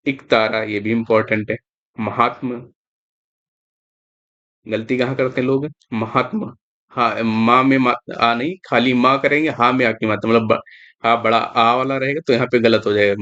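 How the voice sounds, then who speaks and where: A man's voice: mid-range voice, a bit bright, lo-fi sound. A man teaching exam spelling, going through words one by one and repeating that each one is important. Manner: repetitive, emphatic, stresses importance. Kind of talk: explaining spelling on screen.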